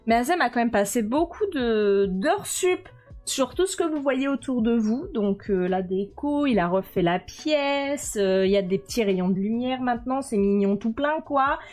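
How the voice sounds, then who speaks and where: A woman's voice: a little high, expressive, moderate pace, darkish tone. A woman streaming live, chatting casually and playfully with her viewers as she reads the chat aloud. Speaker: streamer drawing commissions live. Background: faint music.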